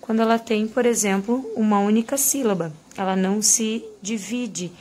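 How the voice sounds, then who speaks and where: Woman teacher going over grammar rules, mid pitch, slight hiss behind. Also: normal speed, darkish tone. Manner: explanatory, stresses example words. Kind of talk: classroom lesson explaining rules.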